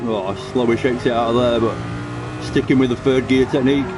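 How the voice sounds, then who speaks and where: A man's voice: mid-range voice, fairly even intonation, moderate pace, background noise. Breathless man streaming a racing game. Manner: chatty, self-deprecating, explains driving technique. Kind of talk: casual live commentary over gameplay.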